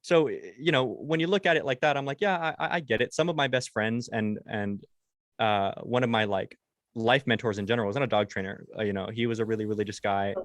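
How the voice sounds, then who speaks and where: Brisk and lowish-voiced, this twentysomething man co-hosts a podcast about dog training. He rambles casually, full of fillers and restarts, and there is no room sound.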